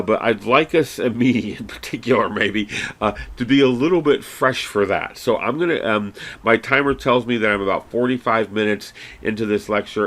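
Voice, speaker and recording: A man's voice: fairly low pitch, fairly bright tone. A man teaching a geology class in a recorded lecture, talking casually with lots of fillers, restarts and self-deprecating asides. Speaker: geology instructor.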